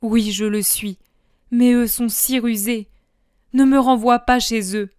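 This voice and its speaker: A woman's voice: on the high side, fairly even intonation, takes it slowly, darkish tone, clean tone, no room sound, studio quality. A woman voicing a terrified, remorseful man begging for mercy, in a raised, pleading voice. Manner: pleading and frantic.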